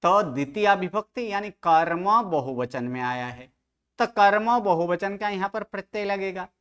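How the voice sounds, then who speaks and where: Slow, patient male Sanskrit teacher. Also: high-pitched, animated, fairly bright tone, clear, resonant tone. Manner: quizzes students with questions, corrects pronunciation. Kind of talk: online study-group lecture.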